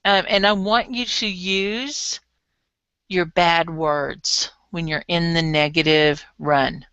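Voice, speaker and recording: Woman coach, frank and lively, bright crisp voice, dry close sound. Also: on the low side, slow pace, no echo, lo-fi sound. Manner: lively, frank, laughs easily. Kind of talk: coaching session.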